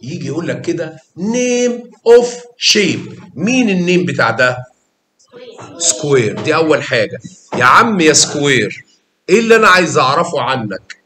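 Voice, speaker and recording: Animated Egyptian math teacher, man. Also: a little high, normal speed, echoey room. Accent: Egyptian Arabic. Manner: animated, coaxing students with questions and repetition. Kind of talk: lively classroom explanation.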